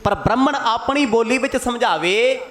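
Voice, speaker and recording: A man's voice: very high-pitched, moderate pace, fairly bright tone. A man telling a story in a sermon, acting out the quarrelling sides with shifting voices. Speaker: katha preacher.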